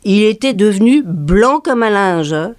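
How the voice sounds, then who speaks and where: A woman playing an excitable, gleeful working-class woman. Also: mid-range voice, unhurried, no echo, clean studio sound, natural voice. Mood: excited. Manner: animated, breathless gossiping, acts out every voice. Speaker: storyteller recounting to a friend. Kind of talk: stage play acting.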